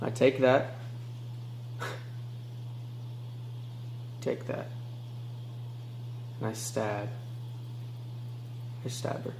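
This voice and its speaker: A man's voice: fairly even intonation, extremely slow, gravelly, pauses often, reverberant, background noise. A man playing a remorseless chuckling killer. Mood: low, menacing. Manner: shifts from low mutters to sharp outbursts, chuckling. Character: remorseless male killer recounting his crimes. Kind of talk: amateur film monologue.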